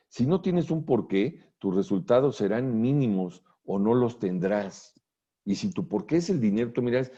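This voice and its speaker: A man's voice: fairly low pitch, mellow, slightly rough, lo-fi sound. A man from Mexico, giving an earnest motivational talk at a real estate conference and speaking straight to the listener. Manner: earnest motivational lecturing, addresses listener directly. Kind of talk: conference presentation.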